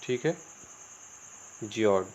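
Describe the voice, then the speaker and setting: A native Hindi speaker with an Indian accent teaches English in a classroom-style spoken lesson, his voice lowish, slow, animated and darkish in tone. He spells words letter by letter and poses questions he answers himself. The recording is dull and lo-fi, with crickets, a little hiss or hum.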